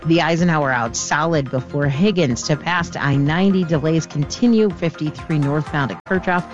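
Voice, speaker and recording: A traffic reporter giving a scripted radio rundown of road delays in a brisk manner. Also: mid-range voice, lo-fi sound, soft background music.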